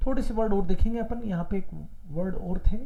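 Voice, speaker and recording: A man's voice: high-pitched, a little fast, mellow, lo-fi sound, a little hiss or hum. A man from India teaching an online German class, repeating each word and mixing Hindi with English.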